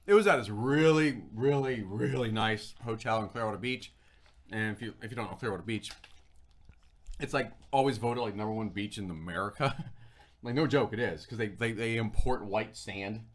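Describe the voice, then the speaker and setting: A Florida man with a lowish voice hosts a casual livestream chat at normal speed. He rambles chattily as a show host, talking while he eats.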